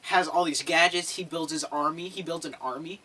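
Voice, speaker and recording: A young man co-hosting a casual podcast, rambling excitably and swearing casually. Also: fairly high pitch, fairly quick. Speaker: podcast co-host. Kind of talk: casual chat. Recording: voice from a distance with faint background noise.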